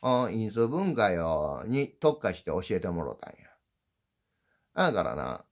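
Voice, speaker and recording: A man's voice: big pitch swings, takes it slowly. A middle-aged man with an Osaka dialect, rambling through a casual folksy monologue to his channel viewers, meandering and self-deprecating. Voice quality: low gravelly voice. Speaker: channel host. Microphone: handheld phone.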